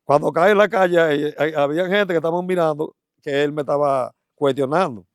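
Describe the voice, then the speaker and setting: A man telling a testimony as an evangelist, halting often and repeating words as he talks. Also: fairly high pitch, clean tone, dry recording, studio quality. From Dominican Republic. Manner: halting, stammering repetitions, animated. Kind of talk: testimony storytelling.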